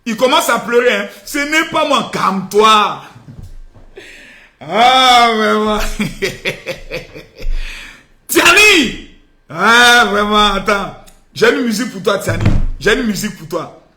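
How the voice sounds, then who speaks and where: Shouting, high-voiced man taunting on a live stream. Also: slow, long pauses. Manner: loud taunting mock-scolding, often shouting. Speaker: livestream host. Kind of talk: mocking satirical live commentary. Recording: echoey room with faint noise.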